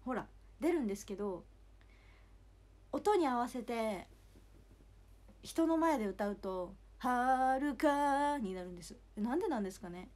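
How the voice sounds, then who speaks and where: Young woman, hoarse and high-pitched, chatty and giggly livestreamer reading out fan comments. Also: expressive, a little slow, long pauses, darkish tone. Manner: chatty, giggly, thanks viewers by name. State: hoarse after two shows. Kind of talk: casual livestream chat.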